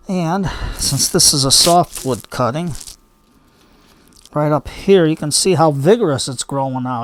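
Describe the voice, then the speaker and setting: An older man with a slightly high voice talks through a hands-on demonstration in a casual, homespun way. He wanders into chatty asides as he goes. The sound is fairly dry and close. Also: no echo. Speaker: bonsai hobby video host.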